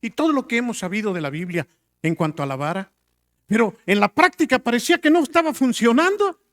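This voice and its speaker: Emphatic middle-aged male preacher, high voice. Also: lively intonation, brisk. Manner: swings between loud emphatic lines and quiet drops; rhetorical questions to the congregation. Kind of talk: sermon.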